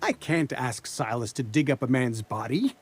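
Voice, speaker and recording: An actor playing a prim, self-important company official in a video game. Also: male voice, mid-range voice, normal speed, natural voice. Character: fussy, officious male company administrator. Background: faint game music.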